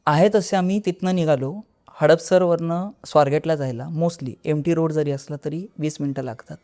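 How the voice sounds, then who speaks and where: A man with a Marathi accent recounts a real haunted experience as a podcast guest. His voice sits fairly high, and he drops it low and quiet when he acts out what people said. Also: steady tone, moderate pace. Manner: storytelling, acting out dialogue in a lowered voice. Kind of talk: telling a horror experience.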